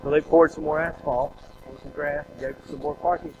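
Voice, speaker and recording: Man, preacher, folksy storytelling, fillers and restarts, slightly higher voice. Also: level tone, brisk, dull audio, background noise. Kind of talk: storytelling testimony.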